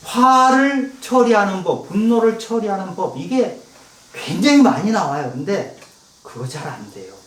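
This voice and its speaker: Animated pastor preaching in an echoey hall. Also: male voice, sits high, a little slow. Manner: animated, acts out heated prayers to God; asks the congregation questions. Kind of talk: sermon. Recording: echoey room, voice from a distance.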